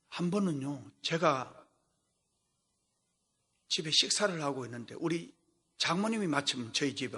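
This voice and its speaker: A middle-aged male pastor with a high, bright, forceful voice tells homely stories from the pulpit. His sermon rings out with a long hall reverb. The recording was made in a large worship hall. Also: breathy edge. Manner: folksy storytelling preacher.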